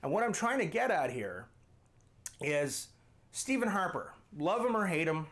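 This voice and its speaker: Male vlog host, slightly high pitch, emphatic and argumentative delivery. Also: big pitch swings, unhurried, a bit bright. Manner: emphatic, argumentative, with rhetorical questions. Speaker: channel host. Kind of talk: opinion vlog to camera.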